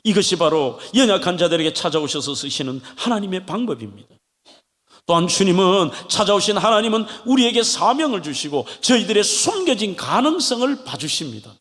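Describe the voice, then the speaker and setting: High, animated preaching man in a reverberant church. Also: fairly quick. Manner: animated preaching, acting out pleading voices of biblical figures. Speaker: pastor. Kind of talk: sermon. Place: church sanctuary. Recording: long hall reverb of a church.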